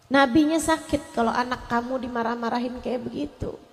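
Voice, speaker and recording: A woman preacher, giving an emotive sermon that moves between loud pleading and soft tender passages. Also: on the high side, brisk, long reverb tail. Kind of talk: religious sermon.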